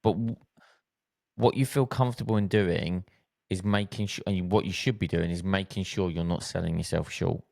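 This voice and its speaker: Earnest low-voiced male podcast co-host. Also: fairly even intonation, normal speed, creaky, darkish tone, dry recording. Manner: earnest, emphatic, repeats key points. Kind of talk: casual podcast chat.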